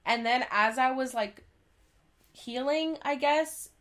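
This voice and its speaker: A young woman co-hosts a casual podcast chat, laughing often and filling her talk with fillers. She sounds congested, with a dry throat. Her voice is high-pitched and fairly bright, and she speaks slowly.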